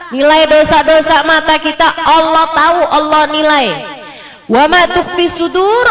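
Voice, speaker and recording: A woman preacher giving an Islamic sermon in a casual, animated way, acting out quoted voices and laughing as she goes. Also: high voice, in a large hall.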